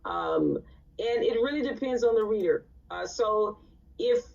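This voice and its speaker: A woman's voice: a little high, wildly swooping pitch, a little slow, a little mellow. A woman teaching a live recitation class in a conversational way, often checking in with her students. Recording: distant, dull lo-fi sound.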